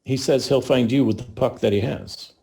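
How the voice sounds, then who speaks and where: Man, game master, tabletop game, dry rulings, gravelly voice. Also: medium pitch, normal speed, dark tone.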